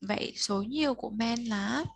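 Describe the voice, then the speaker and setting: A woman's voice: fairly high pitch, moderate pace, creaky, slightly rough, no echo. A woman tutoring a child one-on-one, patiently explaining step by step and prompting the learner to answer. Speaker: English tutor.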